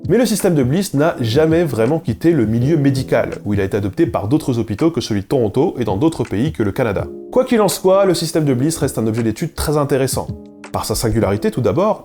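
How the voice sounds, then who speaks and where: Male educational host, rapid delivery, wry asides, warm low tone. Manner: brisk, with wry ironic asides. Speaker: YouTube linguistics host. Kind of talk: scripted educational narration.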